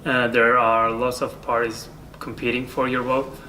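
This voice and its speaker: A young man with a bright, crisp voice answers interview questions with some hesitation, pausing on "uh". He is a little away from the microphone, with a faint hiss behind him. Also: mid-range voice, level tone. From Norway. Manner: hesitant, with "uh" and restarts. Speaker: student teacher. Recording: mic at a distance, faint background hiss.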